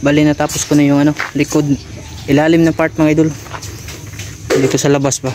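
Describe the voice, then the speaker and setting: A man's voice: on the high side, little pitch movement, fairly quick. Chatty man vlogging outdoors, noisy background. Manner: chatty, keeps calling viewers idol. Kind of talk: casual vlog walkthrough. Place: outdoors beside a boat being built. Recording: outdoor recording with clear background noise.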